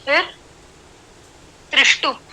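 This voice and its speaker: A woman's voice: slow pace, sharp tone, a little hiss or hum, poor audio. A woman teaching a Sanskrit class online, explaining patiently and counting syllables aloud as she switches between Hindi and English.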